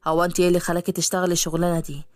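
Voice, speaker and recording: A woman voicing a kind, quiet-loving young man from a rich family in an Egyptian-accented audio story, speaking in a calm, reasoning tone. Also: lowish voice, rapid-fire, lightly acted.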